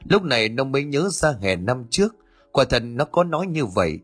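A man narrating an audiobook story in a steady, even way. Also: medium pitch, brisk, slightly rough, no echo, soft background music.

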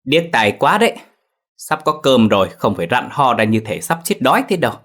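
A man voicing a spiteful middle-aged woman who scolds in a sharp, shrewish way. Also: medium pitch, very animated, fairly quick, voice pushed up. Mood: scolding.

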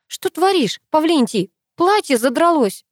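A woman reading an audiobook who voices a sharp-tongued, flustered young woman with raised, exclamatory lines. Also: fairly high pitch, animated, normal speed, dry recording, clean studio sound, pitched above the performer's own voice, close to an everyday voice. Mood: yelling. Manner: loud, mocking, exclamatory.

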